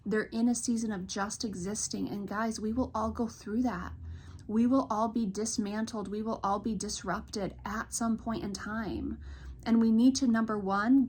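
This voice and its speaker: A woman in her thirties, a licensed counselor, speaking earnestly and gently to camera in a reassuring reflective talk. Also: a little high, a little hiss or hum. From Michigan.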